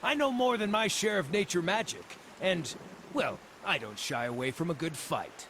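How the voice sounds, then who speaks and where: A man's voice: sits high, lively intonation, normal speed, fairly bright tone, a little hiss or hum. An actor voicing a cheerful, wry wandering male druid in a fantasy video game. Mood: wry friendly.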